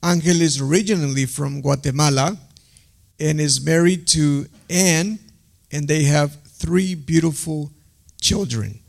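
A young man hosting a panel interview, reading guest introductions with frequent filler pauses. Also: on the high side, vocal fry. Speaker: host.

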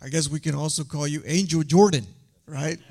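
Young male host, raised pitch, gravelly fry; reads intros with lots of uh fillers. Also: a little fast, a little mellow. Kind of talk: panel interview introduction.

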